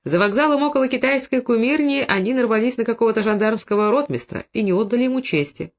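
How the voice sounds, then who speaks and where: A man narrating a literary novel in a measured, expressive storytelling manner. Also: very high-pitched. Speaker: audiobook narrator. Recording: dull lo-fi recording.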